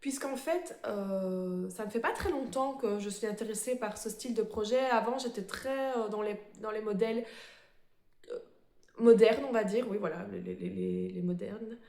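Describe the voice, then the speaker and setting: A woman's voice: medium pitch, mellow, echoey room. A woman presenting her embroidery projects in a casual show-and-tell, a little nervous and hesitant, with many fillers and restarts. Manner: self-described fast talker, a bit nervous. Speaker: cross-stitch vlogger.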